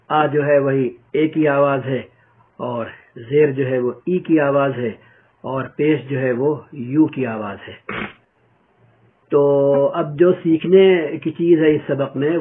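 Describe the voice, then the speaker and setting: A man teaching an Urdu reading lesson, patiently repeating and spelling out letter sounds step by step. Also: medium pitch. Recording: tinny phone-like audio.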